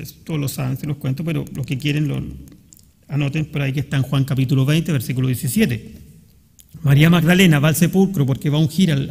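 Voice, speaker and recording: A man's voice: fairly high pitch, vocal fry, darkish tone, husky, long reverb tail. A man with a Chilean accent preaching a sermon as pastor, earnestly checking that the congregation follows along. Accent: Chilean Spanish. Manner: earnest preaching, often asking the congregation questions. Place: church sanctuary.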